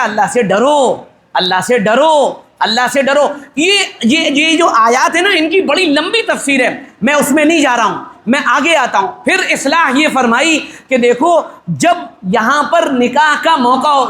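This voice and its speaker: A middle-aged male cleric preaching at a wedding in a very high, bright voice. He talks with forceful energy and jokes with the crowd. He throws in rhetorical questions and acts out little dialogues. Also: echoey room. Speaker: Islamic cleric officiating a wedding. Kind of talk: wedding sermon, conversational.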